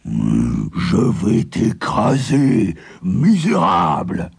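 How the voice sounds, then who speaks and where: A man's voice: deep voice, expressive, slow, a little mellow, slightly rough, no room sound, clean studio sound, pitched below the performer's own voice, exaggerated voice. A man voicing a proud, boastful male lion, king of the beasts, in a storybook tale, with a roaring, mocking delivery. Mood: arrogant. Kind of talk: storybook character voice.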